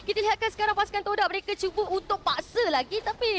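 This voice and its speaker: Very high, rapid-fire Malaysian woman caster. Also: fairly bright tone, slight background noise. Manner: urgent, running narration of action. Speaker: esports play-by-play commentator. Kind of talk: live match commentary.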